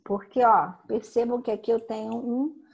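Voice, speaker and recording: A woman teacher giving a recorded grammar lesson, explaining slowly and emphatically with frequent tag questions. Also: a little high, fairly even intonation, gravelly, husky, lo-fi sound.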